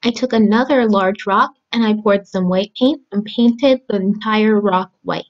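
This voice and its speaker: A young adult woman with a medium-pitched voice speaks to children in simple, deliberate phrases as a storyteller and craft host. She's in a small room at home, and the recording sounds muffled.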